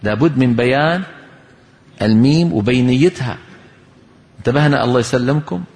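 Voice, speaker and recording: A Quran recitation teacher with a medium-pitched voice gives a tajweed lesson, explaining the rules, quizzing his class, and chanting short examples. He speaks fairly quickly with lively intonation, and a long hall reverb surrounds his voice.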